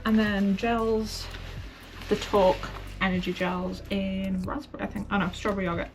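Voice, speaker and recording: A woman's voice: mid-range voice, little pitch movement, normal speed, background noise. A woman chatting informally and self-deprecatingly to camera as a running vlogger. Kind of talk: casual chat to camera.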